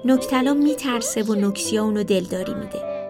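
A woman tells a children's story gently and expressively in a high voice. Music plays clearly beneath her narration.

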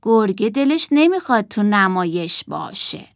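A woman voicing Martha, a stubborn little girl who refuses things flatly. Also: mid-range voice, vocal fry, no echo, studio quality.

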